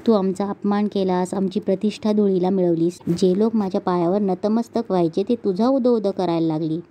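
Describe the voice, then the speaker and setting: A woman's voice: mid-range voice, steady tone, a little fast, warm tone, natural voice. A woman reading an arrogant fake holy man. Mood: threatening. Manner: boastful, threatening. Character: scheming self-styled holy man, arrogant male villain.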